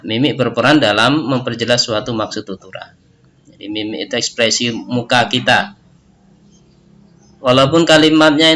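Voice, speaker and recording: In a recorded lesson, a man with an Indonesian accent explains things step by step, often adding a questioning "ya" to his sentences. His medium-pitched voice sounds pushed and bright.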